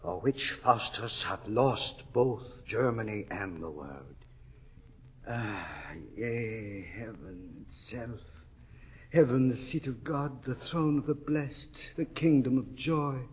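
An actor playing a desperate male scholar facing damnation, swinging from hushed, husky whispers to anguished cries. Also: mid-range voice, fairly even intonation, measured pace, few pauses. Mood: despairing. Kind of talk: classical stage acting. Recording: hall reverb.

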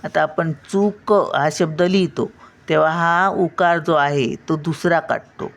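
An older woman teaching a spelling and pronunciation lesson, slowly drawing out syllables to show how words are said. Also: low voice, gravelly.

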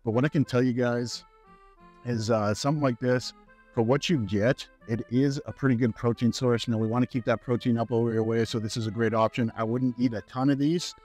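Faint music sits behind a man in his thirties from Canada, a fitness vlogger doing a casual grocery-store walk-through on a lapel mic. His medium-pitched, darkish voice stays steady and brisk as he chats upbeat to camera, using fillers.

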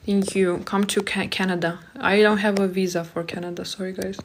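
A woman's voice: medium pitch, flat delivery, a little fast, a little hiss or hum. Young Moldovan-accented woman, native Romanian speaker, live-stream host reading comments aloud; casual and friendly, close phone mic in a small home room. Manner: reads viewer comments aloud and answers them, friendly and chatty. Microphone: phone held close at arm's length.

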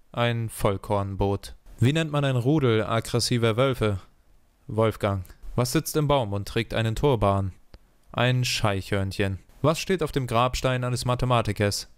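A man reading a string of one-liner jokes in a deadpan question-and-punchline rhythm, slowing down for each punchline. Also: medium pitch, clear, resonant tone, no room sound. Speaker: joke teller.

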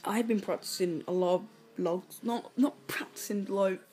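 A woman's voice: medium pitch, fairly even intonation, over music. A woman talking casually into a phone video recording, rambling, breaking off mid-sentence and apologizing as she goes. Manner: rambling, self-interrupting, quick to apologize. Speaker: vlogger. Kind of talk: casual rambling vlog chat. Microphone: phone camera.

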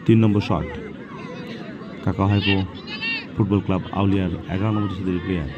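A man's voice: sits low, steady tone, fairly quick, dull audio. A man giving live football commentary on a penalty shootout, announcing each kick in short, repeated phrases. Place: outdoor football ground. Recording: loud outdoor crowd and ambient noise.

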